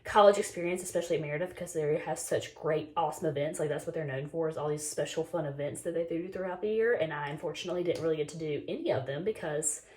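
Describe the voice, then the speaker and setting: Low-pitched and darkish, she talks fast with hardly any pauses. The speaker is a twenty-something beauty vlogger from North Carolina, a bit sick and losing her voice, going through her makeup in a casual get-ready-with-me chat loaded with "like" and "um."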